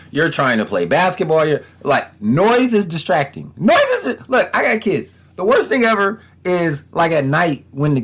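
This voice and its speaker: A man in his thirties from Detroit talks sports on his podcast in a loose, rambling way, slipping into quoted voices as he goes. His pitch swings widely, and his voice has a slightly husky edge. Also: fairly bright tone. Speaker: podcast host. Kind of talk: casual sports talk.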